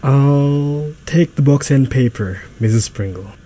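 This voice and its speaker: An actor playing a deferential, slightly anxious butler in a radio drama, polite and hesitant. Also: male voice, medium pitch, slow pace, dark tone.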